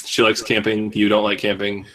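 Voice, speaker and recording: A man's voice: fairly low pitch, monotone, moderate pace, fairly bright tone, a little hiss or hum. Joking, rambling male podcast host. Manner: joking, rambling, self-mocking. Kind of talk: casual chat.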